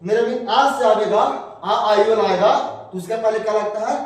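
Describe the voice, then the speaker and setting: A man's voice: sits high, normal speed. A man teaching a beginner English class in a classroom, quizzing students. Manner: call-and-response questioning of students. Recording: echoey classroom from far off.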